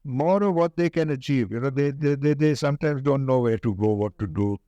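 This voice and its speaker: An older man with an educated upper-class Indian accent, answering interview questions in a deliberate, emphatic way and repeating phrases for stress. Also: medium pitch, dark tone, dry recording, lo-fi sound.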